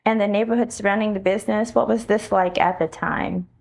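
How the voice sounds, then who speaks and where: A woman's voice: medium pitch, fairly even intonation, a little fast, gravelly, a little mellow. A woman conducting an oral history interview, asking prepared questions.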